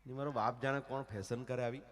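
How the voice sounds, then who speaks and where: A man's voice: medium pitch, quick pace, in a large hall. A man with a Surati Gujarati accent telling comic stories on stage, acting out dialogue and sometimes singing. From Surat region, Gujarat. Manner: animated storyteller, acts out dialogue, breaks into song. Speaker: stage comedian and folk performer. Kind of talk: live comic storytelling with sung lullabies. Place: stage at a temple festival, live audience.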